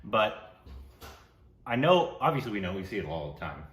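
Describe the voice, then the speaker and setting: A man co-hosting a reaction video, talking in a halting, hesitant way with many restarts. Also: lowish voice, big pitch swings, a bit bright. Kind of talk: casual reaction chat. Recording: roomy, dull lo-fi sound.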